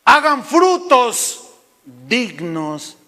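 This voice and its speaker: A man's voice: extremely high pitch, very animated, extremely slow, sharp tone, long reverb tail, voice pushed up, full character voice. A man voicing a fiery adult male prophet who scolds and rebukes a crowd. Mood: scolding.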